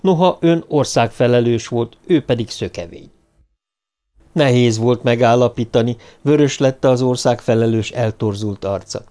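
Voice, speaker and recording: A man narrating an audiobook in a steady, even reading voice. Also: medium pitch.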